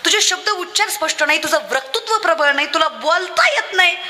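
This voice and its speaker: A woman's voice: very high-pitched, expressive, fairly quick, sharp tone. A young woman preaching a rousing kirtan sermon, calling out to the crowd and acting out voices in her stories. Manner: fiery, rousing, addresses crowd directly, acts out funny voices in stories. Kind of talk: devotional kirtan sermon with storytelling.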